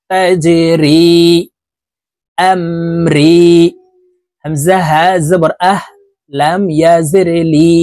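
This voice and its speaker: Slow, dry-voiced male recitation teacher. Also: a little high, a little mellow, no room sound. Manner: spells syllables then draws out whole words. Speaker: Quran reading teacher. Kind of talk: slow spelled-out recitation lesson.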